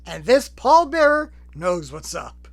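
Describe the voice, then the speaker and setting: A man's voice: sits high, very animated, a little slow, a bit bright, soft background music. A man hosting a film retrospective, talking with sarcastic, profane jokes between clips. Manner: sarcastic, profane, joking asides. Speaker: film review host.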